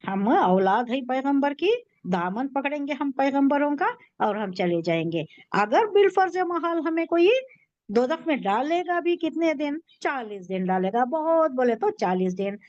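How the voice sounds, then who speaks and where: A woman's voice: high-pitched, animated, a little slow, a little mellow, no echo, dull audio. A woman giving a Quran tafseer lesson, explaining terms and asking and answering her own questions. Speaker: Quran teacher.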